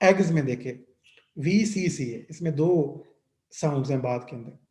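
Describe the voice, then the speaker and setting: A man's voice: fairly high pitch, a little slow, dark tone, reverberant, a little hiss or hum. A man teaching linguistics. He explains each point step by step, often stops to check that the listener follows, and reads terms. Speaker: linguistics lecturer. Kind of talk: explanatory lecture mixing Hindi-Urdu and English.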